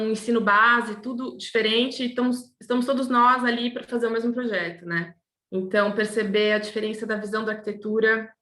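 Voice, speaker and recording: A Brazilian architect with a mid-range, fairly bright voice gives a casual recorded talk to students in an echoey room. She speaks thoughtfully, with plenty of fillers and restarts.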